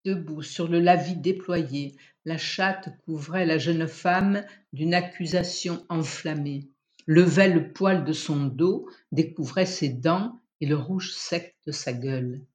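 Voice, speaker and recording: A reader narrates a literary novel in an unhurried, measured storyteller's voice. The pace is slow and deliberate, with a mid-range pitch. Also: darkish tone. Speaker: audiobook reader.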